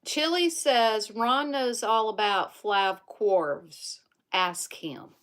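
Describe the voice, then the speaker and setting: Woman host, slow-paced, chatty, reads viewer comments, home livestream, casual. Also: mid-range voice, a bit bright. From Louisiana.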